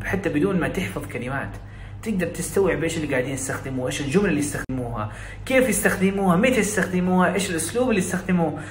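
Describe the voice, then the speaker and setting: A young man from Saudi Arabia with a Hijazi accent, coaching in an energetic, encouraging, casual teaching way. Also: fairly high pitch. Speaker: English speaking coach. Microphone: phone video story. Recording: roomy echo, faint room hiss.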